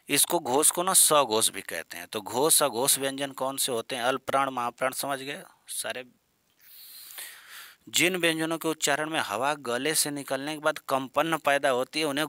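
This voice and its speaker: Bright-voiced male Hindi teacher, explaining. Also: medium pitch, dry recording. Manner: explains with questions, repeats key terms, calls students "बेटा", "बच्चों"; jokes and scolds students playfully. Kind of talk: online exam-prep lesson.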